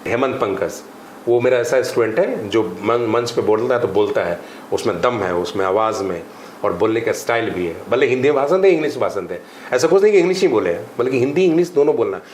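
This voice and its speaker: A man's voice: mid-range voice, brisk. A man, a spoken English teacher, talking emphatically in a podcast interview. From India. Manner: animated, emphatic teaching, mixes Hindi with English phrases and drills. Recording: echoey room with faint ambient noise.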